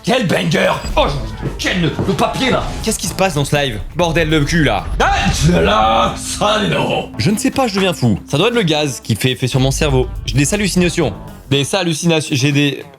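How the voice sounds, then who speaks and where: A young man testing gadgets for his vlog in a small studio, hyper and crude, joking constantly and yelping in excitement. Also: a little high, normal speed, creaky, over music. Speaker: YouTuber.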